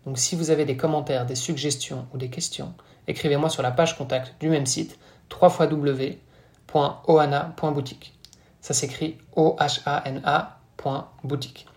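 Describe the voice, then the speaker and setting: A man who co-hosts a podcast, reading a scripted sponsor message in a brisk, smooth delivery. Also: a little high, fairly even intonation, a little mellow. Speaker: podcast co-host and brand founder. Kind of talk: scripted ad read.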